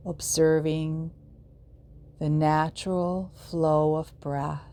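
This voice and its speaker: Low, warm and flat in delivery, a woman guides a yoga nidra meditation. She speaks in a soothing, measured manner, placing long pauses between her short phrases.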